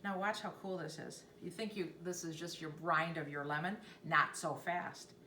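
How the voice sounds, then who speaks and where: A woman's voice: deep voice, fairly even intonation, normal speed, pushed and bright, slight background noise. Chatty woman demonstrating cooking in a kitchen. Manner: chatty, enthusiastic, talks to viewers directly. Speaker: cooking show host. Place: home kitchen. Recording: roomy echo, mic at a distance, faint ambience.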